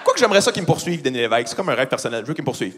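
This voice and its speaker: A man's voice: mid-range voice, big pitch swings, very fast, fairly bright tone, slight background noise. A man with a Québécois accent doing a profane stand-up comedy routine on a theatre stage, teasing the audience. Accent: Québécois French. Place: large theatre stage before a live audience.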